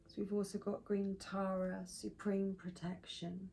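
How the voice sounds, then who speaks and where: A woman reads tarot cards for her viewers, taking her time over every phrase in a soothing, unhurried voice that sits at an ordinary pitch. A faint hiss and a few clicks sit behind her. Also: completely flat delivery, gravelly, rough recording. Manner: slow, soothing, drifting into soft asides. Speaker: tarot card reader. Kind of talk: spiritual card reading.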